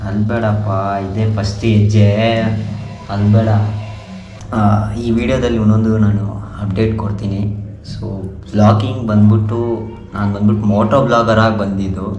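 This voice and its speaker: Low-voiced man vlogging in an echoey room. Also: fairly even intonation, moderate pace, darkish tone, highs cut off, soft background music. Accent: Kannada. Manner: comforting, repeats himself often. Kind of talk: casual vlog chat. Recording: echoey room with faint noise.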